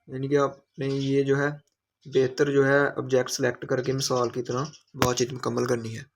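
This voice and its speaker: A man teaching a lesson step by step with a Pakistani Urdu accent, patiently repeating each word and its meaning. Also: mid-range voice. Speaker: language teacher.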